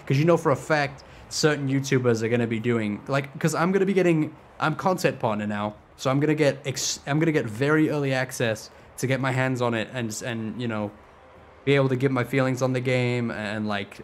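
A man in his twenties live-streaming a strategy game, rambling and swearing with excitable casual commentary. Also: mid-range voice, brisk, slight background noise. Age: 20s.

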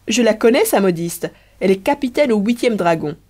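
A catty society gossip who speaks slyly and mockingly, as a woman reader puts her on. The tone is warm and dark. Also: mid-range voice, expressive, fairly quick, pitched above the performer's own voice, close to an everyday voice. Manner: sly, mocking.

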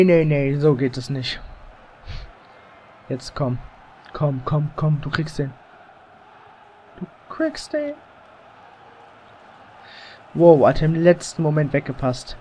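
With a somewhat high voice, a gamer commentates casually on his football game as he plays, getting worked up and cursing or groaning at errors. A headset or desk mic pushes slightly into overdrive, and there's a bit of noise in the background.

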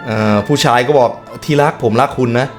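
A man's voice: medium pitch, fairly even intonation, brisk, faint music behind. A man hosting a casual meme reaction video, chatty and musing as he reacts. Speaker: host.

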